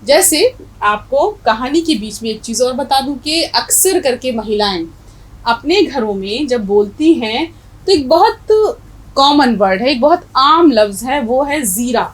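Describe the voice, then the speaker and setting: A woman Urdu teacher with a North Indian Urdu accent, explaining pronunciation as she spells words out slowly letter by letter. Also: on the high side, animated, breathy edge, low-quality recording. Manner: stresses correct pronunciation, asks the viewer questions. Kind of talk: explaining a lesson.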